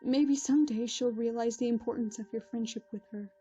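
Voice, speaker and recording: A woman voicing a gentle, motherly pony princess who speaks calmly and patiently. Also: on the high side, fairly quick, husky, highs cut off, soft background music. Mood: advising. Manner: calm, patient and kind.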